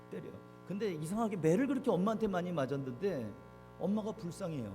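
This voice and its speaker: Male pastor, slightly high voice, chatty sermon delivery, echoing hall. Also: a little mellow. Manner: conversational preaching, acts out quoted parents with rising emphasis. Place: church sanctuary.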